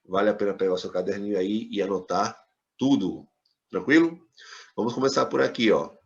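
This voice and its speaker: A man teaching an English lesson to Brazilian students, explaining patiently and repeating words slowly for them. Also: on the low side. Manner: patient, repetitive explaining, checks in with "tá certo?". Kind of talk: recorded classroom lesson. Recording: dull lo-fi sound.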